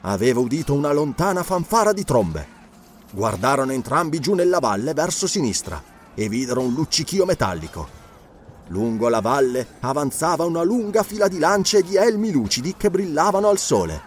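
A male audiobook narrator reading an action story with a lively, rising and falling delivery. His voice sits a little high for a man, with a faint hiss of background noise underneath. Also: brisk. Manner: dramatic, expressive reading. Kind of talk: scripted dramatic narration.

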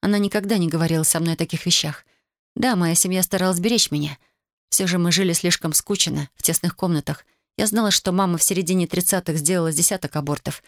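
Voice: medium pitch, no echo, studio quality, close to an everyday voice. A narrator voicing an earnest, proud young woman who pleads and argues in an audiobook reading. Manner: pleading, earnest, quick when upset. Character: young woman, tender but proud and hurt.

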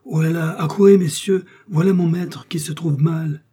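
A man's voice: medium pitch, completely flat delivery, normal speed, warm tone, natural voice. A man voicing an anxious loyal servant in a storybook reading, calling out in alarm.

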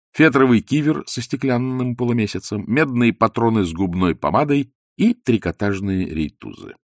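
A man narrating a novel in an expressive, measured audiobook reading. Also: lowish voice, dry recording, studio quality. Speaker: audiobook reader.

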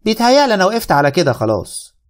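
Speaking very fast in a high voice, an Egyptian-accented man narrates a first-person radio drama with wry, lively storytelling.

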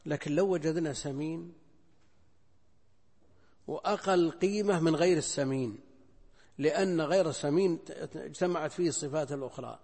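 An older man lectures on a classical text, slowly weighing alternatives and repeating his points. His voice is a little husky. The sound carries the long reverb of a large hall. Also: on the high side, darkish tone. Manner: deliberate, repeats phrases and weighs options aloud. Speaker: Islamic scholar teaching hadith. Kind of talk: recorded lecture explaining a hadith text.

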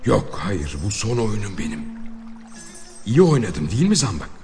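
A man voicing a dying outlaw, low and subdued. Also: big pitch swings, normal speed, darkish tone, big-room sound, soft background music. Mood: bitter. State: dying from a gunshot. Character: mortally wounded male outlaw, defiant to the end.

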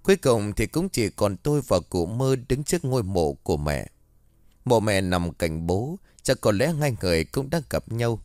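A man with a lowish voice narrates a ghost story in the first person. His delivery is dramatic and expressive, with pitch that swings widely. The recording is dry and close. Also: normal speed, no echo.

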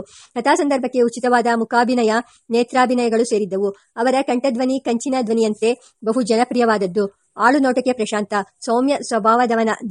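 Woman, audiobook reader, memoir narration, slightly high voice, dry close sound. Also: dry recording. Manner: steady reading, slowing for verses and quoted speech. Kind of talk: read-aloud memoir narration.

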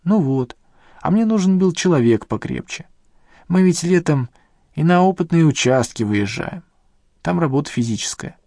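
The elderly male professor this man voices in an audiobook comes across as grumbling, rueful, complaining and defensive, pitched above the reader's own voice. The delivery is expressive at a moderate pace with a dark tone, with no echo and clean studio sound.

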